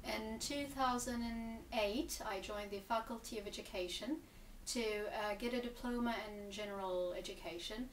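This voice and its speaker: A woman's voice: fairly high pitch, normal speed, slight background noise. A woman, answering interview questions thoughtfully, with frequent ums and restarts. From Gaza Strip, Palestine. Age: 20s. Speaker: interviewee, English teacher and graduate student. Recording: echoey room, mic at a distance, faint ambience.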